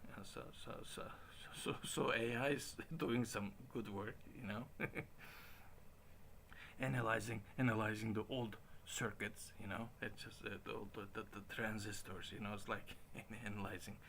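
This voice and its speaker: A man in his late forties talking casually in a halting way, with frequent restarts and chuckles. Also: lowish voice, steady tone, fairly bright tone, a little hiss or hum. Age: 40s. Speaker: stream host. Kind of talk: casual rambling monologue.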